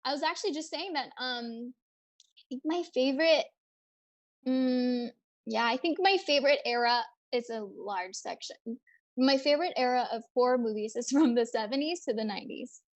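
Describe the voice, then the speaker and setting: A young woman hosting a casual livestream, chatting brightly and reading out viewer comments and questions. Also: sits high, moderate pace. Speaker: livestream host.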